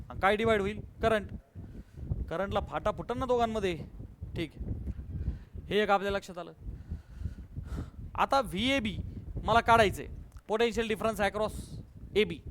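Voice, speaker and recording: A man's voice: sits high, fairly bright tone, a little hiss or hum. A male physics teacher with a Marathi accent lecturing a class, coaxing answers from students and calling them बाळा and बेटा.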